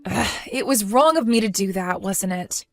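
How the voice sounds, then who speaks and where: A woman's voice: mid-range voice, lively intonation, normal speed, vocal fry, soft background music. A guilt-ridden, self-doubting mother. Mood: regretful. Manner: tearful, self-reproaching, pleading.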